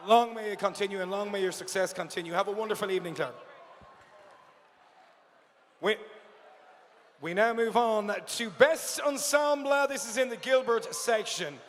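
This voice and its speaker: A man's voice: sits high, fairly quick, big-room sound, a little hiss or hum. An Irish man hosting a live awards ceremony, chatty and jokey as he interviews guests. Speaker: awards show host.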